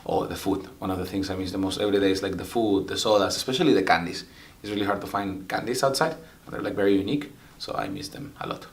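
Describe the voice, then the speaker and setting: A young man talks quickly through his interview answers, his voice sitting a little low. He is chatty and scatters "like" through his sentences. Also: very animated, gravelly. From Venezuela. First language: Spanish. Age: young adult. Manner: talkative, many "like" fillers. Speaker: international student.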